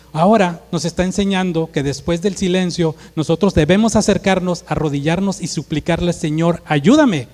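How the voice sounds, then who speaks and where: Pastor, male, Monterrey accent, high voice, emphatic sermon in a reverberant hall. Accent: northern Mexican, Monterrey. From Mexico. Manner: emphatic preaching, acts out dialogue in a forceful voice.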